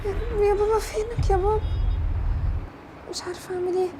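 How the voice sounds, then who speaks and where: A woman's voice: very high-pitched, fairly even intonation, fast talker, noisy background. A woman with an Egyptian accent voicing a frightened young girl who pleads and panics, close to tears. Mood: terrified. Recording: loud background music.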